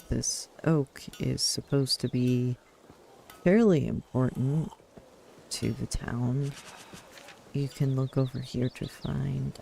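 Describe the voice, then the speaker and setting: A man's voice: medium pitch, vocal fry, dark tone, slight background noise. A man giving casual video game commentary, musing and hesitant as he thinks aloud and reads in-game text. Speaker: player narrating a video game.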